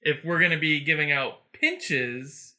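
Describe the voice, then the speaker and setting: A man co-hosting a podcast, joking around in loud, playful banter. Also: fairly high pitch, measured pace. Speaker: podcast co-host.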